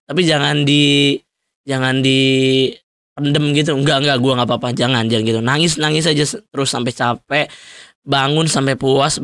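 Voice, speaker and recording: A man's voice: medium pitch, fairly bright tone, no echo, clean studio sound. A young man hosting a solo podcast, talking loosely and rambling with frequent fillers and laughs. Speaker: podcast host. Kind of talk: solo casual podcast monologue.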